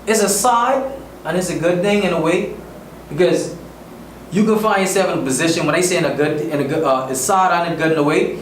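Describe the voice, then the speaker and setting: A man's voice: on the high side, a little fast. Bahamian man, earnest and emphatic. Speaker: musician guest. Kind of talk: casual interview talk. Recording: echoey room, distant mic, faint noise.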